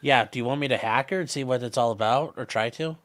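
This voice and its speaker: A man's voice: mid-range voice, fast talker, a bit bright. A man playing a tabletop game, speaking in casual table chat.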